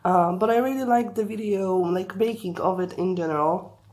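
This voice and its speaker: A woman's voice: medium pitch, moderate pace, darkish tone. A young woman with a congested, stuffy voice, chatting casually in a craft vlog, hesitant and apologetic with many fillers. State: congested from the flu. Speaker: craft vlogger.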